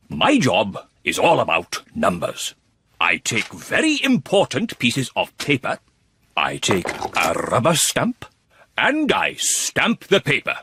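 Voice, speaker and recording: Courteous, animated rabbit clerk. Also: male voice, mid-range voice, slow, husky, exaggerated voice. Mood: proud, courteous. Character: polite, proud male rabbit office clerk. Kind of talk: preschool cartoon voice acting.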